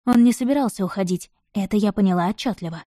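A woman narrating a romance novel in the first person, with an expressive, dramatic reading. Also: mid-range voice, quick pace, no echo, studio quality. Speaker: audiobook narrator.

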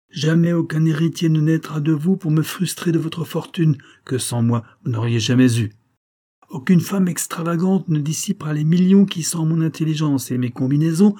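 A man's voice: a little high, dark tone, voice pushed up, natural voice. A male reader voicing a cold, scheming middle-aged major in an audiobook, menacing but controlled. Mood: furious. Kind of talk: audiobook character reading.

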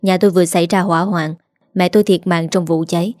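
A sly, scheming middle-aged husband, as a woman reader puts him on, talking fast and pushy with a mellow, dry tone. He sounds quick to defend himself in this storybook reading. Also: on the low side, steady tone, no echo, lightly acted. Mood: brisk.

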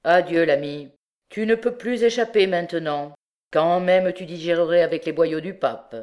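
A woman's voice: lowish voice, normal speed, a little mellow, natural voice. A woman voicing a brutal, mocking male king of thieves in an audiobook, bellowing his commands.

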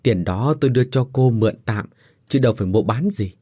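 A man voicing a kindly older mother who speaks gently but firmly. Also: medium pitch, fairly quick, no room sound, clean studio sound, lightly acted. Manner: soothing, motherly, firm.

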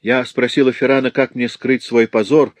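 A man's voice: medium pitch, little pitch movement, normal speed, dry recording, pitched above the performer's own voice, natural voice. A man voicing a frightened young woman servant who tells her story in a pleading way.

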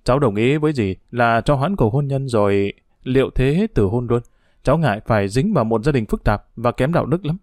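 A man voicing a troubled young man in a storybook reading, answering in quick, tense lines. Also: medium pitch, animated, darkish tone, no room sound, studio quality, natural voice. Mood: weary.

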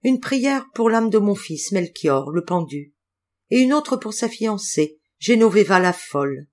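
A woman voicing a gruff, brooding old innkeeper. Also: medium pitch, big pitch swings, a little slow. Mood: solemn. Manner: gruff, then brooding and solemn.

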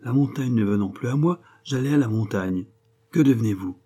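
A man's voice: medium pitch, brisk, dark tone, close to an everyday voice. A man reading aloud, voicing a sarcastic, worldly middle-aged writer who lectures in a mocking tone.

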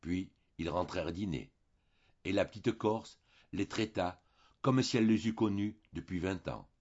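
Low husky male audiobook reader. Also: normal speed, a little mellow, muffled recording. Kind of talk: audiobook narration.

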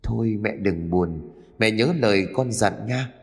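A man's voice: lowish voice, unhurried, creaky, husky, big-room sound, heavily acted. A man voicing a cold vengeful ghost girl. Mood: mournful. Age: 20s. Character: vengeful ghost of a young woman.

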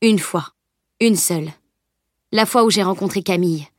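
A woman's voice: lowish voice, moderate pace, no echo, clean studio sound, lightly acted. A woman reading a burly jovial knight. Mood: earnest telling. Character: huge jovial male knight, gruff and teasing.

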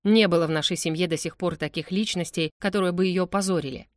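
A woman's voice: lowish voice, steady tone, fast talker, dry recording, studio quality, lightly acted. A woman reading an audiobook, voicing a stern aristocratic older father who barks his disapproval bluntly. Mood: barking.

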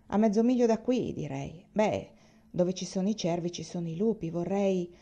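A calm pioneer father, as a woman reading the story puts him on, speaking in a mellow, low-key tone with plain, matter-of-fact remarks. The recording sounds slightly muffled. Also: moderate pace.

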